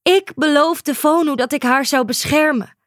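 A brave, determined young island girl, as a woman reading a storybook puts her on, her voice pitched up high and earnest. She speaks slowly, pleading and urging, close to the mic in a dry, dead room. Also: no echo. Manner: urgent, pleading.

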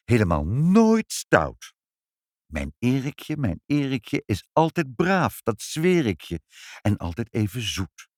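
A man's voice: huge pitch swings, slow pace, a little mellow, no echo, studio quality. A man voicing a proud, pompous mayor's wife in a children's storybook, with a gushing, prim manner. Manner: gushing, boastful, high and prim.

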